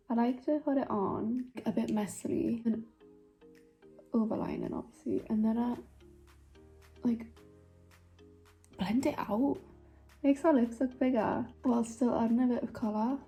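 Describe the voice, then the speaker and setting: A woman's voice: a little high, steady tone, a little slow, creaky, long pauses, dark tone, faint music behind. A young woman with a Geordie accent chatting in a rambling, self-mocking way while doing her makeup for a vlog. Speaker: beauty vlogger.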